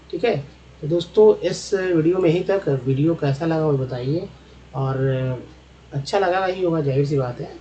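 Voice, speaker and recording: A man's voice: a little high, dark tone, lo-fi sound. A man teaches English spelling and pronunciation from slides, drilling each sound several times and calling his viewers friends.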